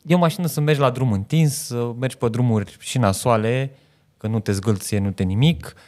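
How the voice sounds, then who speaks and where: A man's voice: medium pitch, darkish tone. A man co-hosting a car podcast in a studio, talking in casual chat and acting out little dialogues. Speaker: podcast co-host. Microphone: studio mic on boom arm.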